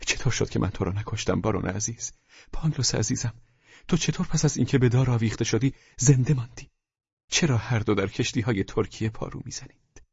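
A man voicing a naive, excitable young man in an audiobook, speaking eagerly. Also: mid-range voice, vocal fry, breathy edge, dry recording. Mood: affectionate. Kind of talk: audiobook reading. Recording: dull lo-fi dry recording.

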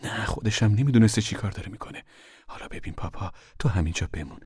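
A man voicing a weary, worried mother who speaks softly and often whispers, in an audiobook reading. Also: lowish voice, slightly rough, dry recording, studio quality. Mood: worried hush. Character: tired worried mother, gentle and firm. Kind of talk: audiobook character voice.

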